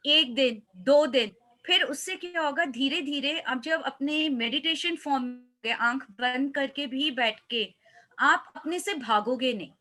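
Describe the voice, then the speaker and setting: A woman's voice: sits high, a little slow, sharp tone. A woman, a life coach, speaking earnestly in a motivational interview and mixing in English phrases.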